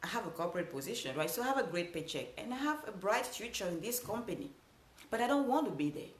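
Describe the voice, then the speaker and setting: A woman with a Cameroonian accent gives an earnest motivational speech, repeating phrases for emphasis. Her medium-pitched voice is very animated, she talks fast, and the audio is reverberant.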